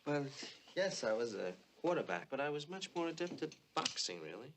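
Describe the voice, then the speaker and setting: A man's voice: a little high, very animated, normal speed, fairly bright tone, a little hiss or hum. An actor playing a polite young guest who modestly talks up his sporting past. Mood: earnest.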